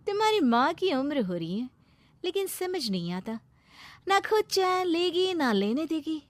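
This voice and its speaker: A woman's voice: sits high, very animated, measured pace, no room sound, pitched above the performer's own voice. A woman voicing a rude, scheming young woman in a cartoon, speaking sharply and dismissively. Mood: scornful.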